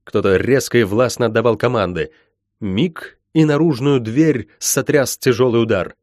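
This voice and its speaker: A man reading an audiobook aloud in expressive, dramatic scripted narration. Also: medium pitch, moderate pace, no room sound, studio quality. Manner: dramatic, varied delivery. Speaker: audiobook reader.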